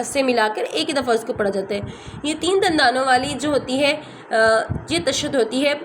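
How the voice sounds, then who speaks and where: A woman teaching a tajweed lesson, patiently repeating letter sounds slowly and checking that students follow. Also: sits high, a little hiss or hum. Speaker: Quran recitation teacher.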